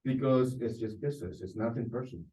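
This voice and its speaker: A man in a sales class telling a story from his work, halting now and then with fillers. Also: mid-range voice, dark tone. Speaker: real estate agent in class. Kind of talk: anecdote in class discussion. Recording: distant, muffled room mic.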